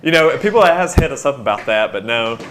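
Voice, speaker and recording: A man, a shop owner, talking about his business in a relaxed, plain-spoken way. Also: mid-range voice, fairly quick, noisy background. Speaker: cookie dough shop owner. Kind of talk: casual interview.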